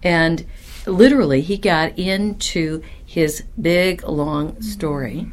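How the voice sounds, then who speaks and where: A woman who is a business speaking coach and co-founder, telling stories thoughtfully in a measured way, with small restarts. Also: fairly low pitch. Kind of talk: reflective conversational storytelling.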